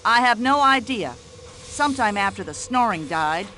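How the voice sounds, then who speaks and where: An actress playing a pushy, talkative middle-aged American widow who complains indignantly, with an American accent. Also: female voice, mid-range voice, expressive, moderate pace, sharp tone, a little hiss or hum, rough recording. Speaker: witness in a radio-style drama.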